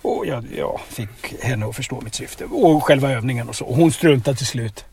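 A man telling absurd stories in a deadpan, rambling way inside a car, tagging his lines with questions. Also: medium pitch, creaky. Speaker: comedic storyteller. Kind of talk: deadpan absurd comedy chat.

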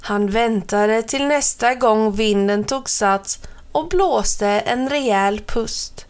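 A woman narrating a children's story in a gentle, expressive way. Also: on the high side, clean tone.

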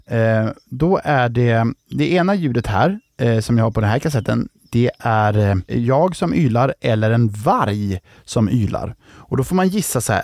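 A man's voice: mid-range voice, a little mellow, no echo, clean studio sound. A man hosting a children's podcast, telling jokes and reading out riddles in a playful way, stretching out the questions. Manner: jokey, drawn-out riddle reading.

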